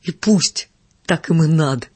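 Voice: medium pitch, unhurried, slightly rough, dry recording. A reader voicing an old woman teacher who shrieks curses and accusations at a neighbor. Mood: fearful, vengeful. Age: older. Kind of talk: audiobook character reading.

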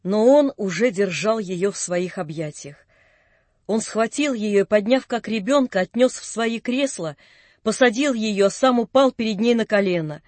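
A narrator reading classic prose for an audiobook in a soft, measured storytelling manner. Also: mid-range voice, no room sound.

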